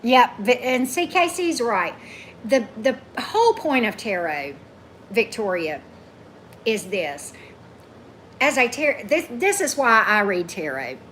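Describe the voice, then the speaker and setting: Slow-paced, with big swings in pitch, a woman reads tarot on a livestream and answers viewers by name. Her deep voice has a fairly bright tone, she keeps tossing in "right?" as she chats casually, and faint background hiss sits beneath her.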